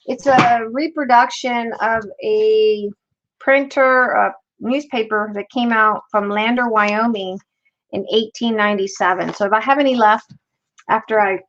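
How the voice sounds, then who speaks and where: Chatting casually during a live craft stream, a middle-aged woman with a mid-range, fairly bright voice drops in Spanish phrases while she crafts. She's recorded on a desk mic over an overhead craft camera, and the audio is slightly dull with faint hiss.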